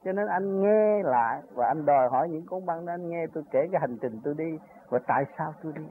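A man's voice: on the high side, quick pace. An older man giving an earnest, rambling spiritual talk that rises to emphatic peaks as he recounts his own journey. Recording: tinny phone-like recording with faint noise.

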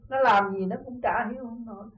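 High-voiced Southern Vietnamese teacher, tinny tape. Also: male voice, brisk, recorded from a distance. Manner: earnest, repeatedly asks "see?". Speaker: spiritual teacher. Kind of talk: informal dharma talk with parables.

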